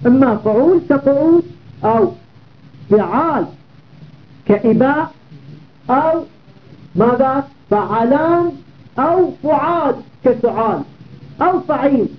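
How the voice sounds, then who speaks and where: High-voiced man teaching grammar over tinny audio. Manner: asks rhetorical questions, repeats word patterns. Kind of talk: classroom lecture on grammar.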